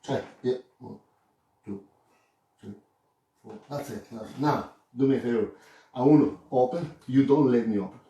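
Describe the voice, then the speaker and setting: Male massage therapist, calm, keeps saying don't worry, roomy room, mic far off. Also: mid-range voice, moderate pace, long pauses, dull audio. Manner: reassuring, repeats "don't worry", counts aloud. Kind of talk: casual talk while treating a client. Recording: roomy room, distant mic, faint noise.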